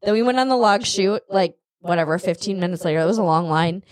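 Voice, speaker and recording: A woman in her thirties, a mother chatting casually with her kid, blunt and quick to act out what people said. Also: on the low side, no echo. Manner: chatty, blunt, acts out quotes dramatically. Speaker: mother and podcast host. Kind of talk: casual family chat.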